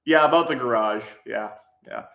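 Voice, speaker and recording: A man's voice: medium pitch, normal speed, vocal fry, a bit bright. A man with a Minnesotan accent hosting a casual livestream from his workshop, chatting and joking while he builds a prop. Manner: chatty, jokey, often laughing. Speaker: livestream host. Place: home workshop. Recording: echoey room.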